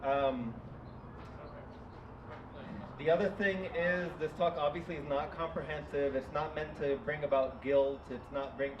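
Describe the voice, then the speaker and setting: A man from New York City giving a casual live talk, loose and self-deprecating, leaning on his notes. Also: medium pitch. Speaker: guest speaker. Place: live event venue. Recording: dull, distant, echoey, noisy hall.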